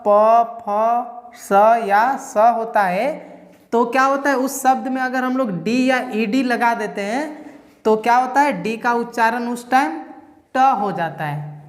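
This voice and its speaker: A woman's voice: on the high side, slow. Woman teaching pronunciation in an echoey room. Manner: explains step by step, asks and answers her own questions. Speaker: English teacher. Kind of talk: pronunciation lesson.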